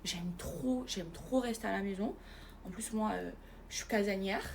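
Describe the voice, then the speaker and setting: A young French woman talking casually to her viewers from bed, often in a hushed voice. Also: mid-range voice, moderate pace, vocal fry, a little hiss or hum. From France. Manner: chatty, hushed at night, calls viewers "les filles". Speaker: vlogger. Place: bedroom, in bed.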